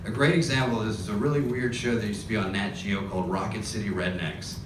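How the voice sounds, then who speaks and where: A man from Georgia in the US doing a stand-up set, wry and chuckling through his punchlines, heard from a distance in an echoing club over loud crowd noise. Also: on the low side, steady tone, fast. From grew up in Georgia, US. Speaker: stand-up comedian. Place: comedy club stage. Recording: roomy club, far mic, loud crowd.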